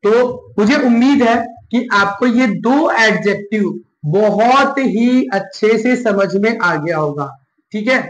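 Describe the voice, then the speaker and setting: A man teaching an English grammar live class, slowly repeating each point and asking questions he answers himself. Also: high voice, animated, dull audio. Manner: slow and repetitive, asks and answers his own questions. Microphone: live class recording. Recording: echoey room with faint noise.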